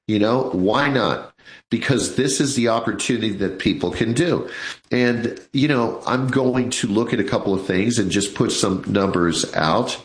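A man's voice: on the low side, moderate pace, reverberant, low-quality recording. A man in his sixties hosting a live financial radio show, chatting in a folksy way and calling his listeners folks. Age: 60s.

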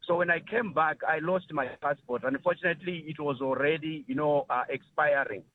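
A man from Malawi calling in to a radio show, explaining his situation in a steady, storytelling way with frequent "you know". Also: a little high, brisk. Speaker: caller. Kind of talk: phone-in call to a radio show. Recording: tinny phone line with faint noise.

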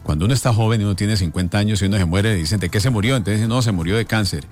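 A man's voice: on the low side, racing, a little mellow. A man hosting a casual radio chat, chatty and fond of anecdotes. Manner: chatty, tells anecdotes, laughs easily. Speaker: radio host.

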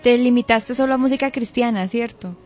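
Female co-host, encouraging, higher pitch, muffled recording. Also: brisk, a little mellow. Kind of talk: interview chat.

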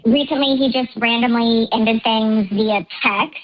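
A woman's voice: fairly high pitch, steady tone, measured pace. A woman calling into a radio show, her voice disguised by a voice changer, telling her story in a chatty, nervous way with plenty of fillers. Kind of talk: telling a personal story on air. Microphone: phone. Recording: dull lo-fi phone line.

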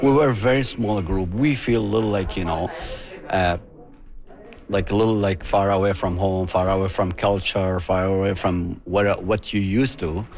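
A middle-aged man from Syria being interviewed, answering in a halting way as he searches for words. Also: low voice, steady tone, darkish tone, faint music behind. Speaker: interviewee, mosque member.

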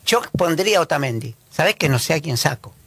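A man's voice: a little high, expressive, quick pace, a bit bright, husky, dry recording. A man from Italy raised in Argentina, speaking as a panelist on a casual football chat.

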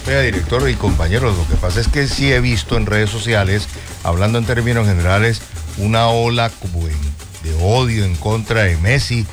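A man on a sports radio panel, opinionated and quick to voice disapproval. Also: fairly low pitch, music in the background. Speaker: radio commentator. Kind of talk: casual sports debate.

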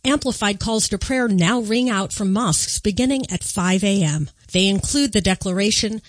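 A woman's voice: mid-range voice, no echo, poor audio. Emphatic woman reading scripted commentary. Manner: emphatic, alarmed delivery.

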